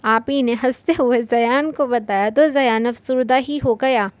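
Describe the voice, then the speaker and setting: A woman with a high voice narrates a novel in a brisk storytelling manner. The recording is dry and close, with no room sound. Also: dry recording. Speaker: audiobook narrator.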